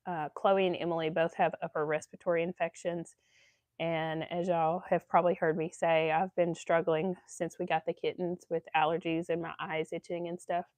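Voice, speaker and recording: A woman runs a relaxed sewing livestream in a lowish, slightly mellow voice at a moderate, even pace, with no echo. Her allergies leave her stuffy, and her chatty talk wanders with lots of ums.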